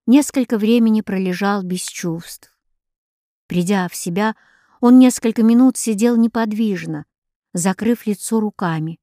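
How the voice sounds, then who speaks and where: A woman reading a story aloud as an audiobook narrator, in a measured, even manner. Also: mid-range voice, dry recording, studio quality. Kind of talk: scripted narration.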